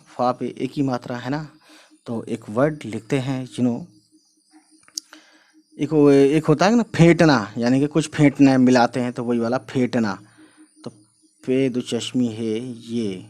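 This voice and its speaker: A male teacher gives a relaxed online writing lesson. He speaks at an ordinary middle pitch and keeps up a friendly running explanation while he writes. He leans on casual fillers to address his viewers. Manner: chatty, repeats "you know" and "guys", explains while writing. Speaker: Urdu script teacher.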